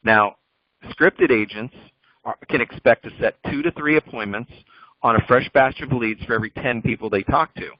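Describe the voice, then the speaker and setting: A man's voice: mid-range voice, normal speed, no room sound. A man giving a recorded sales training talk over slides, coaching in a direct, instructive way. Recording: dull lo-fi dry audio.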